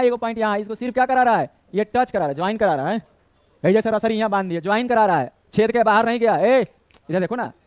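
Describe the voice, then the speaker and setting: High, clear-voiced maths teacher. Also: male voice, no room sound. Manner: chatty, scolds and jokes with students, mixes Bhojpuri words. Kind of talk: classroom lesson.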